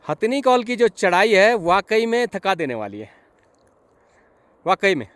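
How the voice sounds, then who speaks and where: Outdoor trek vlogger, young man, high voice, guiding tone, filmed on a handheld camera. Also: big pitch swings, a little slow, a bit bright, no echo. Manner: guiding, pointing things out to viewers. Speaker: trekking vlogger. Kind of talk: outdoor trek vlog narration. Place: outdoors on a high mountain ridge.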